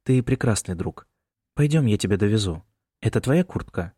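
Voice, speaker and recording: A man's voice: fairly low pitch, expressive, normal speed, mellow, slightly rough, no echo, studio quality. A male narrator voicing a worried middle-aged mother who keeps fussing over her son in an audiobook. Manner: anxious, insistent and fussing.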